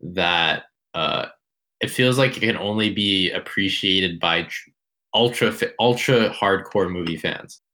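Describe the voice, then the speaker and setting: With a low, sharp-toned voice and a slightly slow pace, a male co-host of a film podcast talks in a relaxed, meandering way, unsure of himself and frequently correcting his own words.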